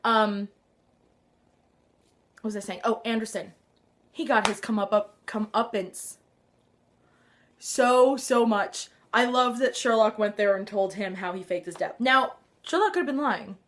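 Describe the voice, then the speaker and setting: A woman hosting a casual fan vlog, gushing and excitable with lots of sighs, her nose a little stuffed up. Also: medium pitch, unhurried, pauses often. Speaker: vlog host. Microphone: handheld camera.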